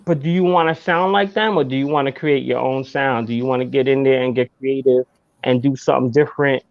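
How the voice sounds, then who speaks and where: A man's voice: medium pitch, steady tone, fairly quick, muffled recording. A man hosting a podcast in casual chat, laid-back and swearing freely. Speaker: podcast host.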